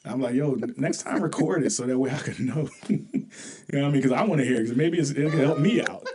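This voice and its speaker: A man co-hosts a relationship chat in a loose, rambling way full of slang and repeated false starts. His voice has a slightly husky, raspy edge. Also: medium pitch, quick pace, darkish tone. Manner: rambling, stammering, laid-back slang. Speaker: podcast co-host. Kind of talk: casual relationship talk.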